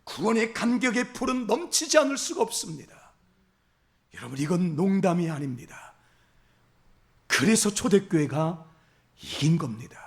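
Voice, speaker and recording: A male pastor with a strikingly high voice delivers a fervent Sunday sermon. His pitch swings widely as he builds emphasis through repeated phrases. He calls out directly to the congregation. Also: very animated, normal speed, long pauses. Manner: impassioned, repetitive exhortation with rising emphasis; addresses the congregation directly as "everyone".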